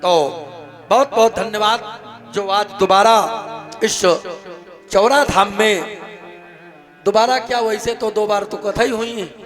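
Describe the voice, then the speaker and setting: High-voiced man preaching on stage. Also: steady tone, fairly bright tone. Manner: emphatic, rhetorical questions, sings kirtan slowly. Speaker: kathavachak preacher. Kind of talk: religious discourse with devotional singing. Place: outdoor religious gathering stage. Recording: live stage audio with music behind. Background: devotional music.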